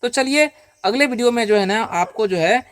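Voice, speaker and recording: High-voiced man teaching English pronunciation. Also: normal speed, fairly bright tone, clear, resonant tone. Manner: patient, repetitive, often asks and answers his own questions; checks in with listeners with frequent "okay?" and "isn't it?". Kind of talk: Hindi-language pronunciation lesson.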